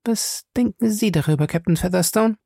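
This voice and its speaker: A man's voice: sits high, normal speed, gravelly, mellow, dry recording, studio quality, pitched above the performer's own voice. A man reading an audiobook voices a married society woman who speaks in an affected, urgent way. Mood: affected, worried. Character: poised married woman, worried and a little affected. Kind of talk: audiobook character voice.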